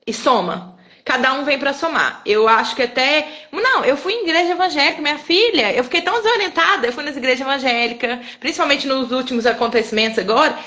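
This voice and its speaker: A woman with a Brazilian accent, a guest sharing an emotional personal testimony and acting out the dialogue as she tells it. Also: high-pitched. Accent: Brazilian Portuguese. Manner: expressive, animated storyteller who acts out dialogue. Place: live online broadcast.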